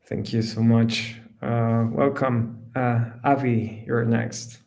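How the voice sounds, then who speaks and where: Male host, online panel moderator, relaxed and halting. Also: mid-range voice, gravelly. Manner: relaxed, hesitant with many fillers. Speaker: host, design manager.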